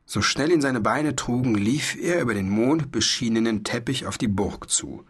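A man narrating a children's story aloud in a measured, expressive way. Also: medium pitch, breathy edge. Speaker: audiobook narrator.

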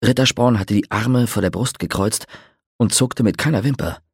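A man narrating a fantasy audiobook in an expressive storytelling manner. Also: fairly low pitch, moderate pace, husky, no room sound, clean studio sound.

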